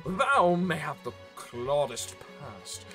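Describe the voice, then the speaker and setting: A man voicing a pompous, menacing male villain in loud, drawn-out, theatrical archaic speech. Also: fairly high pitch, sing-song, over music. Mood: menacing, grandiose. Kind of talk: improvised character voicing during a game stream.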